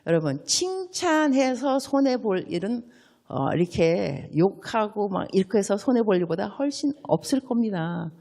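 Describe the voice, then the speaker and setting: Lively woman preaching with acted-out voices. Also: medium pitch, moderate pace. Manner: acts out quoted dialogue in varied voices; asks the congregation questions and answers them herself. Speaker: missionary preacher at a revival meeting. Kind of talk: sermon.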